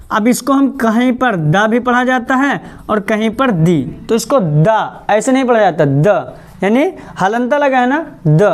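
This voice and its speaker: A male teacher giving a grammar lesson, asking quick questions and repeating the answers, slowing words down to show how they are said. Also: very high voice. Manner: stretches out words slowly to model pronunciation.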